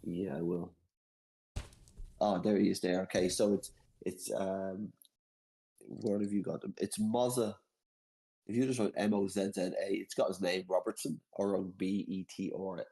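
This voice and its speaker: On a casual video call, an Irish man rambles through an explanation of a game, repeating himself often and quick to laugh at his slips. His voice is low, level, creaky and dark. The audio is poor.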